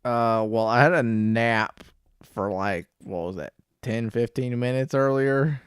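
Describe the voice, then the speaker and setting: A calm young man co-hosting a casual chat, speaking in a matter-of-fact way. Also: medium pitch, measured pace, clean tone, no room sound, clean studio sound. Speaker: co-host.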